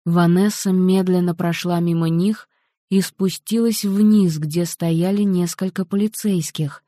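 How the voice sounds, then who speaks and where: A woman narrating an audiobook in an even, measured way. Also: fairly low pitch, no echo, studio quality.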